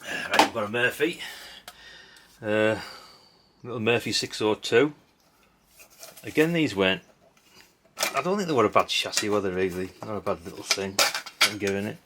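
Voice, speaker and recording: Heavy background noise surrounds a middle-aged man whose lowish voice is expressive, at normal speed, with frequent pauses. As a hobbyist video host sorting old parts, he keeps up casual, unplanned talk that's chatty, rambling, blunt, mildly profane and full of tag questions.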